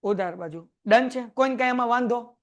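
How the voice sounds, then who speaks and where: High-voiced Kathiawadi teacher quizzing students. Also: male voice, lo-fi sound. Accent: Kathiawadi Gujarati. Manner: quizzes students with quick rhetorical questions. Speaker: accounting teacher. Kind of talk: lively classroom lecture. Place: classroom with a board.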